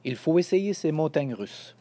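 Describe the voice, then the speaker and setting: A man reading a storybook, voicing a loud, boastful young boy who dares his sister. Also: fairly high pitch, lively intonation, moderate pace, dry recording, pitched above the performer's own voice, lightly acted. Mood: eager. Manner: loud and pushy, later queasy. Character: excited boastful young boy, big brother.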